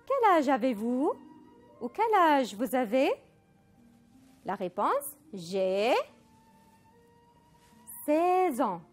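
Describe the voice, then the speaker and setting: A woman teaching a recorded French lesson, saying model phrases slowly and clearly for students to repeat. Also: high-pitched, big pitch swings, faint music behind. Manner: slow, deliberate model phrases for repetition, mixing in Arabic.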